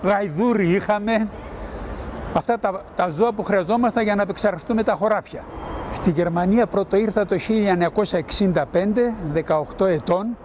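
A man in his seventies from Greece, recalling his past calmly in a documentary interview. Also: high voice, brisk, slight background noise. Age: 70s. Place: large station hall, indoors.

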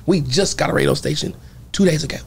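A young man from Kansas speaks candidly into a studio mic. His voice is gravelly and husky, a bit high-pitched. He restarts his sentences as he reflects. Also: huge pitch swings, fast talker. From Kansas, USA. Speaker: guest artist. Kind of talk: casual interview talk. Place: podcast studio. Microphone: studio mic on boom arm.

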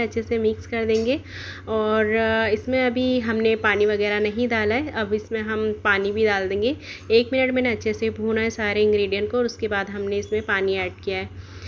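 A woman narrates a home cooking video in a steady, instructional way, walking through each step and offering alternatives. Her voice sits at an ordinary middle pitch for a woman. A faint hum of room ambience stays behind her. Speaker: cooking channel host.

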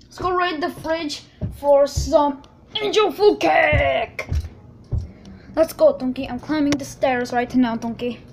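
Her voice is high-pitched and darkish, her pace slow, with a little hiss or hum on the recording. The woman is playfully performing a jumpy, childlike male ogre who calls everyone donkey, for a homemade role-play vlog filmed on a handheld video camera outside at night, then inside at home.

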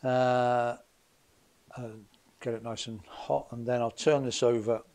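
Slightly slow and a little mellow, with a medium pitch and level tone, an English motorcycle mechanic narrates a hands-on workshop demo. He strips an engine down in his basement, explaining each step methodically and plainly, thinking aloud with small fillers. An extractor fan hums faintly, and the camera mic overhead at the bench catches only his hands.

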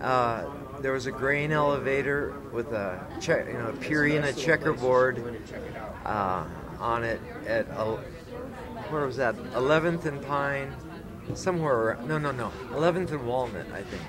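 A man in his fifties from Colorado, reminiscing slowly with many pauses and fillers in an interview on an outdoor café patio at night, speaking into a handheld mic. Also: medium pitch. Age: 50s. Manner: slow, halting, full of pauses and fillers. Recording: outdoor patio with crowd behind.

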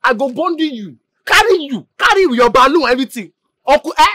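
An actor in a film drama playing a student who loudly taunts and scolds a classmate, in a Nigerian Pidgin accent. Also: male voice, very high voice, very animated, a little fast, exaggerated voice.

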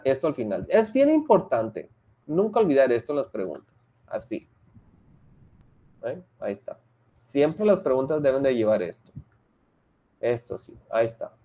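A woman's voice: extremely low pitch, warm tone. A woman teaching an English class online, explaining patiently step by step and mixing English example sentences into her talk.

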